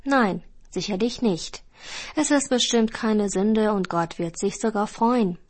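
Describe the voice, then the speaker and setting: A woman's voice: medium pitch, unhurried, close to an everyday voice. A woman voicing a pious little bird who insists that eating the grain is allowed. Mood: insistent. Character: pious, self-justifying small bird.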